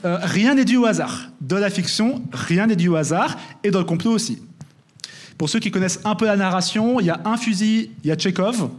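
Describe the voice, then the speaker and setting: High-voiced young man giving a talk. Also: brisk. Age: young adult. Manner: lively, frequent "d'accord?" checks. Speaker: conference speaker. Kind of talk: conference talk.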